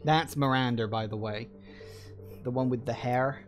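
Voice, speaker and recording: A man's voice: mid-range voice, fairly even intonation, moderate pace. Offhand, blunt man commentating on a game. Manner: offhand, blunt, mildly sweary. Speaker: gameplay commentator. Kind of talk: casual video game commentary. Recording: voice over game music.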